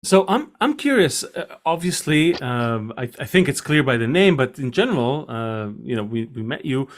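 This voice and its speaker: A man hosts an interview show at a middle pitch, speaking hesitantly and stopping to rephrase between ideas. His delivery is plain and conversational. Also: big pitch swings, normal speed. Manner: hesitant, full of fillers and restarts. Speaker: podcast host. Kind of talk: hosting a talk show interview.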